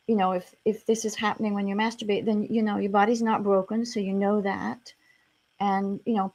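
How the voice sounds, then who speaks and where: A woman's voice: mid-range voice, a little mellow. A middle-aged woman from France with an American accent, a therapist talking frankly and reassuringly in a casual interview, with many "you know" fillers. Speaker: sex therapist guest.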